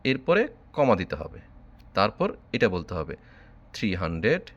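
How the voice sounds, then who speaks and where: A man's voice: on the low side, big pitch swings, normal speed, a bit bright, lo-fi sound. A man from Bangladesh teaching a math lesson online, patiently spelling out number words letter by letter.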